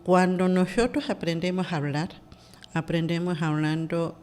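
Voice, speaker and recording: A woman's voice: lowish voice, fairly even intonation, normal speed, a little mellow, slight background noise. A woman, talking as a podcast guest in a hesitant way, full of fillers and restarts. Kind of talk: casual interview talk.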